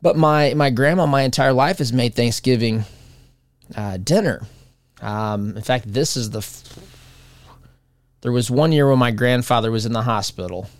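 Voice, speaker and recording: A man's voice: mid-range voice, normal speed, pauses often, no room sound. A man in his forties, hosting a talk show, speaking in a rambling, conversational way with frequent restarts. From United States. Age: 40s. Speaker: radio talk show host. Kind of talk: casual monologue.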